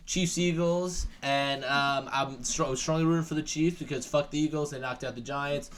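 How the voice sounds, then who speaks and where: Excitable young male podcast host. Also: a little high, moderate pace, noisy background. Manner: animated, swears freely about sports. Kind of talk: casual chat.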